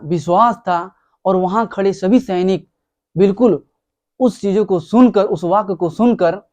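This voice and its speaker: Slow, mellow-voiced male motivational speaker. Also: sits high. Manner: slow, emphatic, repeats key words, addresses listeners as friends. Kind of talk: motivational talk.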